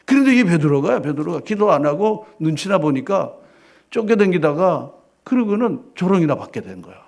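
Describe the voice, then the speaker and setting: Gravelly, husky male pastor preaching. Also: on the high side, very animated, moderate pace. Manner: emphatic preaching with rhetorical questions; swings between loud declarations and hushed asides. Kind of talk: sermon. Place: church.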